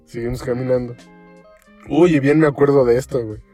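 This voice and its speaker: A man's voice: mid-range voice, fairly quick, faint music behind. A young man with a Mexican Spanish accent, telling a story in a casual podcast chat, acting out the quotes in it with lots of slang. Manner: animated, acts out quotes, heavy slang.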